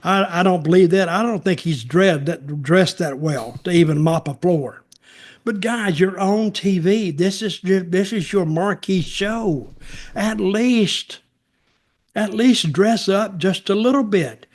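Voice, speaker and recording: A man with a high, somewhat slow voice co-hosts a podcast and comments on wrestling. He offers casual opinions in a blunt, sarcastic, folksy manner.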